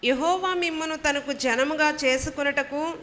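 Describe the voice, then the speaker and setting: A woman reading scripture verses aloud slowly and carefully during a church service. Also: high voice, fairly bright tone. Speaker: scripture reader.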